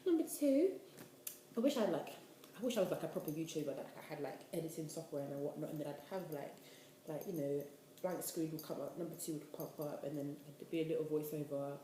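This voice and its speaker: A woman's voice: low-pitched, expressive, a little fast, warm tone, a little hiss or hum. Chatty twenty-year-old woman. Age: 20s. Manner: chatty, rambling, lots of "like". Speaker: vlogger. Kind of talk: casual talking-head vlog. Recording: echoey room.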